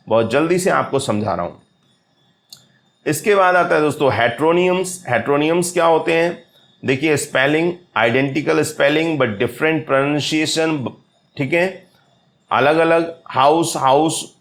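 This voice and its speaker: Gravelly man teaching literary terms. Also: on the high side. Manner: addresses viewers as friends repeatedly, reads English definitions slowly. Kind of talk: explaining literary terms to exam students.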